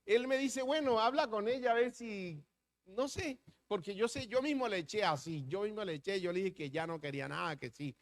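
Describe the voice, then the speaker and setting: A middle-aged pastor preaches a sermon, his voice sitting high for a man. He throws rhetorical questions at the congregation and slips into telling stories from his own life. He shifts between slow, stressed phrases and quick asides.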